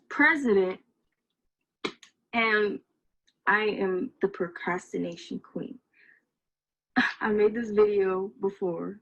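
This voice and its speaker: A woman's voice: mid-range voice, poor audio. A young woman, a graduating senior and class president, giving a playful, self-mocking graduation speech. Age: young adult.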